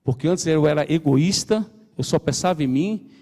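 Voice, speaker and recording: A man's voice: on the high side, animated, normal speed, mellow, big-room sound. A middle-aged man with a Brazilian Portuguese accent gives a personal testimony in church, earnestly re-enacting his own prayers and reading scripture aloud. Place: church hall.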